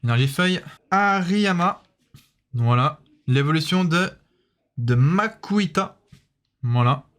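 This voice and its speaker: A man's voice: on the high side, animated, takes it slowly, long pauses, a bit bright. A man casually commenting as he opens card packs, addressing his viewers and saying "voilà" after almost every card, with frequent hesitations. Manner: chatty, addresses viewers directly. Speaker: YouTuber opening trading card packs.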